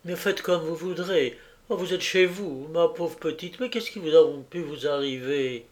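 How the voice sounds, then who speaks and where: Guy doing a gushy older landlady, high-ish voice, all oh and ah, chatters nonstop. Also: moderate pace, lightly acted. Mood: solicitous. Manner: breathless, gushing, full of exclamations.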